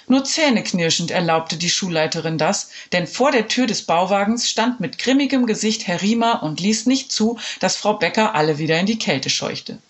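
Expressive woman reading a children's story. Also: fairly low pitch, slightly rough. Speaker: narrator.

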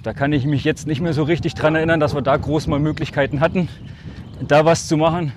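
Speaking fast in a steady, slightly high voice against a noisy background, a man in his forties from northern Germany's Altmark, with a faint Swabian touch, guests on a podcast. He tells casual stories reflectively, using short phrases and often drawing words out.

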